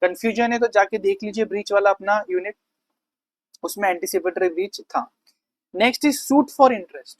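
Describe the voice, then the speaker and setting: A male teacher giving a conversational law lecture. He reads definitions slowly, explains them quickly and casually, and keeps asking the class questions. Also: sits high, no room sound, low-quality recording. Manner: asks the class rhetorical questions.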